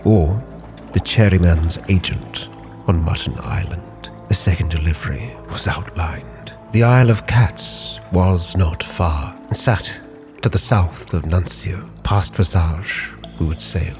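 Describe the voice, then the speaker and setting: A man with a deep voice narrates a roleplay story in the first person, speaking slowly in a solemn, brooding, theatrical way. Music is prominent behind his voice.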